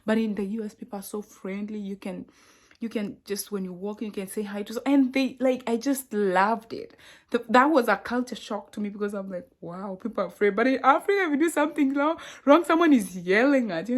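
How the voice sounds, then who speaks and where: A woman's voice: medium pitch, fairly bright tone. A young woman from Kenya with a Kenyan accent, talking casually and animatedly to her viewers in a vlog, often exclaiming and laughing. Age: young adult. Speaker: vlogger. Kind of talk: casual vlog talk to camera.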